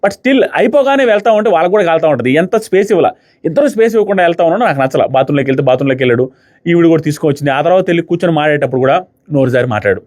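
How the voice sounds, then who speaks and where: Fast-talking animated male reviewer. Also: fairly high pitch. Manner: rapid, emphatic, acts out quoted lines. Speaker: reality show reviewer.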